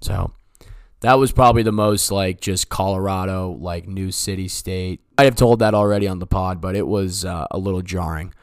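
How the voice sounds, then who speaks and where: In clean, echo-free studio sound, a man with a low, smooth voice speaks at normal speed with fairly even intonation. He hosts a casual one-man comedy podcast, rambling, swearing and joking in stand-up fashion while cutting himself off.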